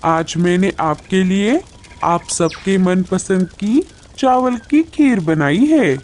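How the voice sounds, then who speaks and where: A woman voicing a caring, protective mother bird in a cartoon, speaking softly and soothingly. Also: medium pitch, animated, takes it slowly, a little hiss or hum.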